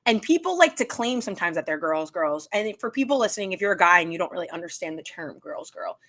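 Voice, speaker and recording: A woman's voice: on the low side, big pitch swings, fast, a bit bright. A woman hosting a casual interview chat, talking emphatically and explaining things at length in a conversational way. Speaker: podcast host, interviewer.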